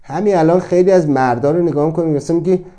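This is a motivational speaker on self-acceptance, a man whose voice sits on the high side and sounds mellow. Earnest and reflective, he keeps asking rhetorical questions.

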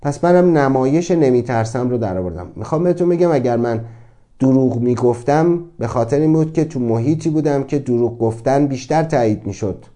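A man with a mid-range, dark-toned voice and animated delivery gives a motivational talk on self-acceptance. He comes across as earnest and reflective, posing many rhetorical questions.

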